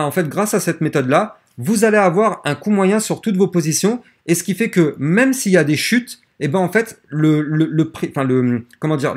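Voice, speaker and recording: A man's voice: on the high side, breathy edge. A man hosting a casual screen-share tutorial who explains step by step in a chatty way and often stumbles and restarts mid-sentence. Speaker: crypto tutorial host.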